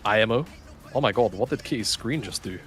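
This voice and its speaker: A man's voice: on the low side, fairly quick, a bit bright, faint music behind. A man, co-hosting a livestream and chatting casually with viewers. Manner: chatty, swearing, laughs often. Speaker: stream co-caster.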